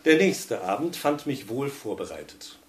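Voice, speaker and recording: Guy reading a funny story, very lively up-and-down pitch, mid pitch. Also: normal speed, background noise. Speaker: narrator. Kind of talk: humorous audiobook reading.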